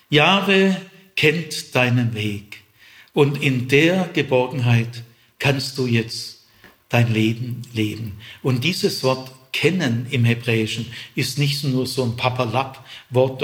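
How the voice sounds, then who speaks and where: A man's voice: medium pitch, fairly bright tone. A man explaining a psalm in a Bible lesson, reflective, with frequent hesitations. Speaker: Bible teacher.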